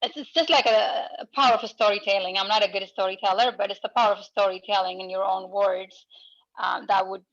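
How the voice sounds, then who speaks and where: Earnest woman from Ethiopia, flat tone. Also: mid-range voice, lo-fi sound. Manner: earnest, unpolished phrasing with pauses. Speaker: Rotary club member, project leader. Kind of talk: online club meeting talk.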